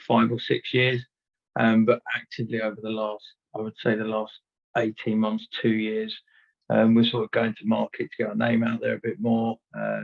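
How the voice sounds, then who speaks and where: A man's voice: lowish voice, vocal fry. A man introducing himself as a panelist, hedging with many ums, on muffled call audio.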